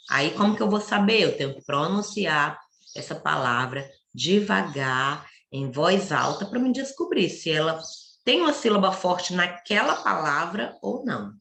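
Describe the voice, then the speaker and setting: Low-voiced woman teaching an online class. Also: gravelly, bright, forceful tone, reverberant. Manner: explanatory, asks the class rhetorical questions. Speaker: primary school teacher.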